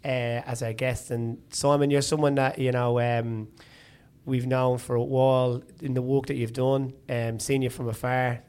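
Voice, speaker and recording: A man's voice: medium pitch, little pitch movement, moderate pace, darkish tone, smooth. A man co-hosting a podcast in a studio, chatting casually and upbeat, rambling through his questions. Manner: rambling, lots of fillers and restarts, upbeat. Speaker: podcast co-host. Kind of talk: casual interview chat.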